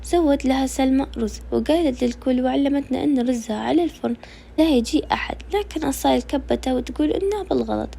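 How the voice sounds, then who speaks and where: A woman with a Najdi Saudi accent, reading a novel aloud in a quick conversational storytelling way. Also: sits high, creaky, dark tone, husky. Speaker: narrator.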